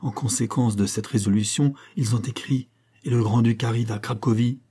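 A man's voice: mid-range voice, fairly even intonation, normal speed, mellow, slightly rough. A man reading an audiobook who voices a devoted old counselor, speaking tenderly and urgently. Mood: earnest.

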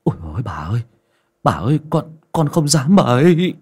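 A man's voice: medium pitch, big pitch swings, moderate pace, mellow, breathy edge, pitched above the performer's own voice, full character voice. A man doing a stammering terrified young servant. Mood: frightened pleading. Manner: stammering, pleading.

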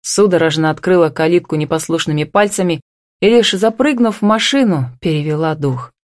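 A woman narrating a novel as an audiobook in an even, expressive storytelling voice. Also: sits low, fairly quick, dry recording, clean studio sound. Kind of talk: scripted narration.

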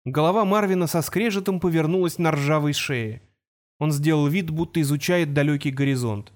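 A man with a fairly high voice narrates an audiobook. His delivery is steady and measured, in plain scripted storytelling.

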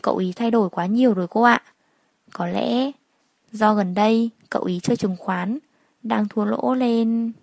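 Give me a kindly middle-aged housemaid who fusses and frets with warm sympathy, voiced by a woman storyteller. Her worry comes through in every line, and the sound is dry and close. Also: on the high side, moderate pace, gravelly, dry recording. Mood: worried. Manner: fussing, sympathetic.

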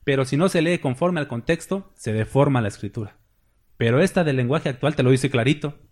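A man's voice: medium pitch, fairly quick, a little mellow. A man preaching a sermon as a pastor. He talks in a conversational way and keeps checking in with the congregation with short tag questions. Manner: conversational preaching, tags points with "¿verdad?" and "¿sí?".

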